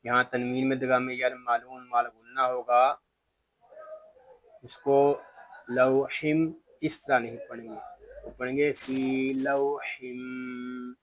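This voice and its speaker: A man teaching Quran recitation, spelling each word slowly letter by letter, explaining the tajweed rules, and then reciting the verses melodically. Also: medium pitch, little pitch movement, a bit bright, rough recording.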